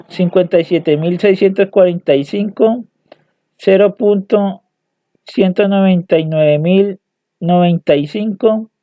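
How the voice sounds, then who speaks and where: Hesitant young male student, high voice, slow delivery, reading results over lo-fi dry audio. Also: no room sound. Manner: hesitant, halting, repeats words and restarts. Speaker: student presenting homework. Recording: dry tinny phone-like audio.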